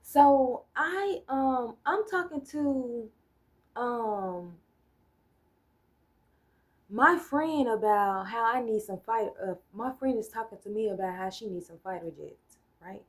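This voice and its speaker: Taking it slowly in a fairly high voice, an American solo vlogger rants casually about politics. She swears freely, speaks bluntly, rambles and loses her train of thought, leaning on hypotheticals and "right?" checks to talk things through.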